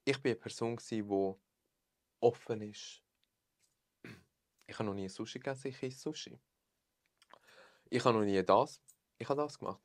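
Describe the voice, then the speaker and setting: A young man with a Swiss German accent, chatting openly as a podcast guest, expressive and sprinkling in English phrases. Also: mid-range voice, normal speed, pauses often, no echo. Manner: expressive, mixes English phrases, laughs often. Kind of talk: casual chat.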